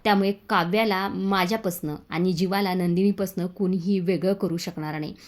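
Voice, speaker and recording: A woman's voice: lowish voice, fairly even intonation, fairly quick, lightly acted. A woman voicing a suspicious, protective young man in a retold family serial. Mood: firm. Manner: firm, earnest.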